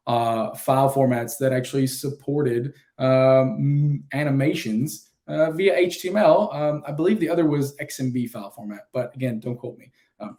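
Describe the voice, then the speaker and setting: Relaxed man teaching with lots of fillers. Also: mid-range voice. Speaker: instructor. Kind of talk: casual livestreamed lesson.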